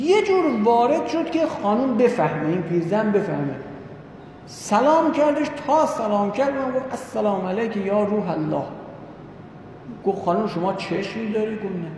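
A man preaching a sermon, telling a religious story in an animated way and voicing the people in it. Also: sits high. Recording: echoey hall with long reverb, faint noise.

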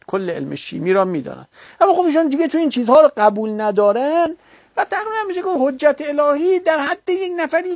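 A man's voice: very high-pitched, no echo. A man giving a religious lecture, arguing his case and rebutting an opponent with mounting insistence. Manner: argumentative, rising to heated rebuttal.

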